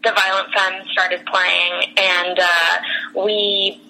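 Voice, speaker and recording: A woman's voice: fairly low pitch, flat delivery, very slow, gravelly, pushed and bright, poor audio. A young woman casually telling a long personal story, rambling with lots of fillers and restarts and laughing as she goes. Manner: laughs through her story.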